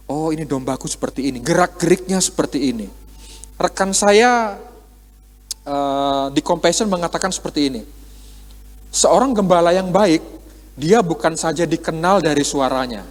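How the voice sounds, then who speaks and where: A male pastor preaching a sermon in a conversational way, asking rhetorical questions and acting out quoted dialogue in a church. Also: a little high. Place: church hall. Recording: long hall reverb.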